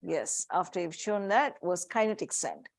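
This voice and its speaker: Her voice sits on the low side, gravelly and very animated, at a normal pace with no echo. She is an Indian-accented woman psychiatrist giving parents a practical, warm workshop, demonstrating objects live to the room and to Zoom viewers.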